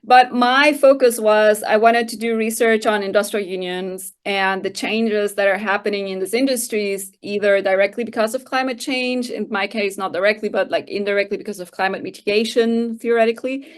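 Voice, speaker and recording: A woman in her thirties from Costa Rica, a guest researcher who answers thoughtfully and pauses often to find her words. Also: mid-range voice, steady tone, smooth. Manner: thoughtful, explaining with frequent hesitations and "like". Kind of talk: conversational interview answers.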